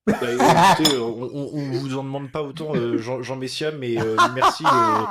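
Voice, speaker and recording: A man interviewing a guest on television, halting and repeating words as he speaks. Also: mid-range voice, very animated, a loud crowd.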